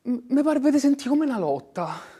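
A man acting an anguished working-class son in a dramatic monologue, with a Roman dialect accent, moving between hushed murmurs and impassioned outbursts. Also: very high voice, sing-song, normal speed, slightly rough, full character voice. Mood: anguished, heated. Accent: Roman (old Romanesco dialect). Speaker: actor.

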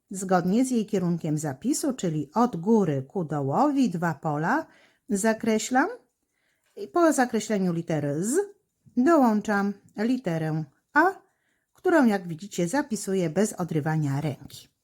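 A woman teacher explaining handwriting step by step, slowly and patiently, to children. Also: medium pitch, sing-song, a little mellow.

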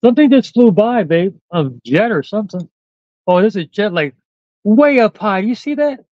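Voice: mid-range voice, expressive, normal speed, dry recording. Playful Puerto Rican accent, dull livestream audio. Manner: playful, bantering. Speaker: livestream host. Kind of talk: casual live chat. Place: live stream of an eclipse viewing.

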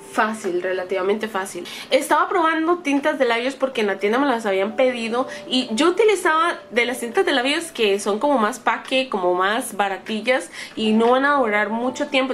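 Lady in her 30s doing a makeup try-on vlog, kinda high voice, talks right to the viewers and fixes her words as she goes, faint hum behind. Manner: chatty, self-correcting, talks straight to viewers. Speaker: beauty vlogger. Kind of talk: casual makeup try-on chat to camera.

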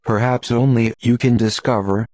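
A man voicing a calm, patient Jedi master in an audiobook, speaking quietly and firmly. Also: mid-range voice, no echo, lightly acted. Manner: quiet, firm and measured.

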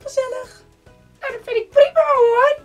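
A woman putting on a very high, squeaky chipmunk voice during a casual chat, piping and playful. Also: steady tone, moderate pace, recorded from a distance, faint music behind.

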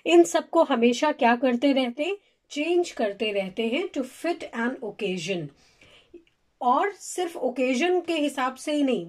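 A woman teacher with a slightly high voice walks through course material at a steady lecturing pace. She poses questions to her students, then answers them herself. English terms drop into her explanations as she goes. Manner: explains step by step, asks and answers own questions; mixes English terms into Hindi.

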